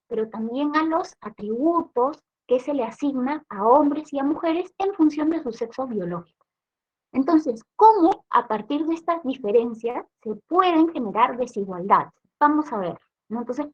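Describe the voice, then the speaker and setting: A woman's voice: sits high, lo-fi sound. A woman with a Peruvian accent giving a training lecture in an explanatory tone, often adding rhetorical questions. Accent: Peruvian Spanish. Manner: explanatory, frequent rhetorical "¿no?" tags.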